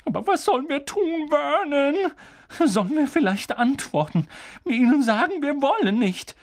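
Casting: trembling, anxious aunt, high and strained, read by the narrator. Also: big pitch swings, a little slow, full character voice. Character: anxious, shrill middle-aged aunt.

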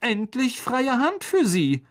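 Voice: mid-range voice, expressive, moderate pace, a little mellow, pitched above the performer's own voice, close to an everyday voice. A reader doing a stern older teacher woman. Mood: cutting.

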